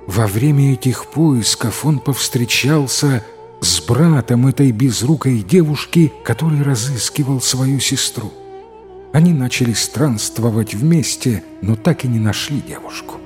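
A man narrating a fairy tale in an expressive, dramatic storytelling manner. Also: mid-range voice, a little slow. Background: faint music.

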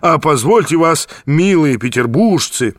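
A man's voice: on the high side, lively intonation, a little slow, no room sound, clean studio sound. A man voicing a lyrical, dramatic former stage actor who lingers over his words. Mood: theatrical wistful. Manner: theatrical, lingering.

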